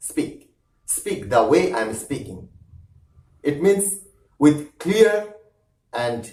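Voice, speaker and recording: Slow-spoken teacher. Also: male voice, mid-range voice, darkish tone, distant mic. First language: Bengali. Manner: slow, deliberate English, then fast Bengali restatements; repeats each phrase with clear, separated pronunciation. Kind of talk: bilingual spoken English lesson. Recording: echoey room, voice off-mic.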